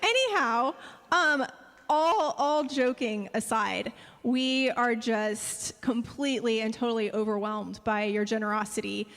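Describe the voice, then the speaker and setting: A woman gives an informal thank-you address to a congregation as a church speaker, earnest and halting in her delivery. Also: fairly high pitch, steady tone, a bit bright. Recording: echoey hall with long reverb.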